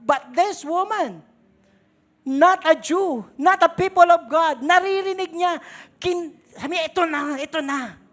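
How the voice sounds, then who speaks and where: A woman's voice: high voice, a bit bright. A woman pastor with a Filipino accent preaching a sermon dramatically in a mix of Tagalog and English.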